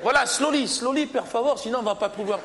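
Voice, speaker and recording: A man's voice: very high-pitched, fast, voice pushed up. Male comic as a cheeky exam candidate, argumentative slang, noisy live stage with laughter. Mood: brash. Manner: brash, argumentative, stammering slangy talk. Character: cocky young man at an oral English exam. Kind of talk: stand-up character sketch. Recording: live stage show, loud laughing crowd. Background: audience laughter.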